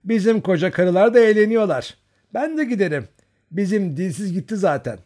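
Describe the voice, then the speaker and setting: A man voicing an excited old village woman who dotes on her son, in a high, thin, strained voice. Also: fairly quick. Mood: flustered.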